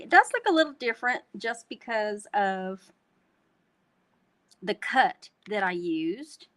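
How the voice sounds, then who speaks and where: A woman's voice: medium pitch, a bit bright. A woman from North Texas with a Texan twang, hosting a chatty live craft tutorial and talking to her viewers as y'all. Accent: Texan Southern twang. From North Texas, USA. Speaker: host demonstrating card making.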